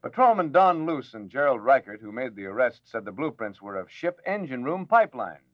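A man's voice: medium pitch, sing-song, no room sound. Man reading news, old newsreel sound. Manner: measured, formal announcing. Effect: old newsreel-style broadcast sound. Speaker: radio newsreader. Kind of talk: formal 1940s radio news bulletin. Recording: dull lo-fi old radio recording, dry.

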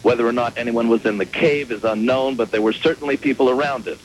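A man's voice: mid-range voice, quick pace, a little hiss or hum, poor audio. A man giving a scripted radio news report as a correspondent.

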